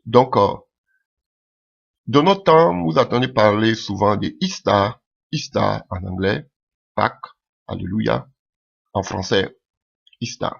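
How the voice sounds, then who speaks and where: A man from Ivory Coast preaching a sermon, with halting, repeated phrases and hallelujah said between lines. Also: fairly low pitch, creaky. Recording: dull lo-fi recording.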